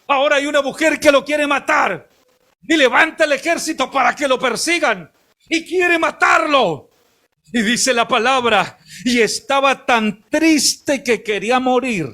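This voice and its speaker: A male missionary preacher with a strikingly high, bright voice. He delivers his sermon emphatically, rising to shouts and chuckling along with the congregation.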